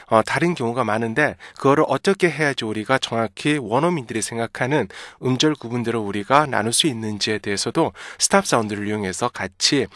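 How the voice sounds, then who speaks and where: A man gives a pronunciation lesson in English, explaining patiently, slowly stretching out example words and often checking in with the listener. His voice is medium-pitched and a bit bright, recorded at studio quality with no echo.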